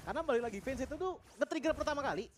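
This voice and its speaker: A man's voice: very high voice, animated, rapid-fire. A man giving wordy, explanatory esports analysis as a game commentator.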